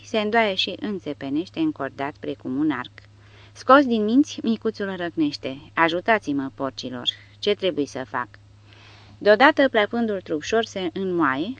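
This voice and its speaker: A woman narrating an audiobook in a dramatic, expressive reading style. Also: lowish voice, no echo. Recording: dull dry recording.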